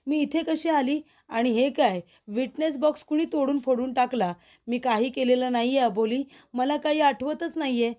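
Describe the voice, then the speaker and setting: A woman's voice: high voice, normal speed, mellow, close to an everyday voice. A woman reading a frightened, confused young woman. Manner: anxious questioning.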